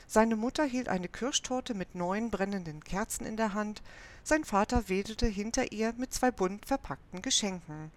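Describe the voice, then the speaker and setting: A woman reading a children's story aloud in a calm, even manner. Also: mid-range voice, moderate pace. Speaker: narrator.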